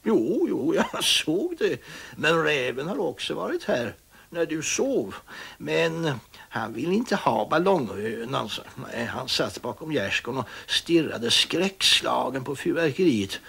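Man as a mild old farmer, gravelly raspy voice, storybook. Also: on the high side, sing-song, fairly bright tone, pitched above the performer's own voice, full character voice. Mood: cheerful. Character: kindly old farmer, gentle and musing.

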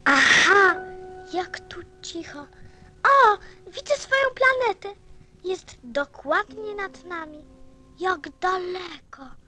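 A woman's voice: very high voice, animated, takes it slowly, pushed and bright, full character voice. A woman playing a lonely, curious, innocent little boy prince in a radio play. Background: faint music.

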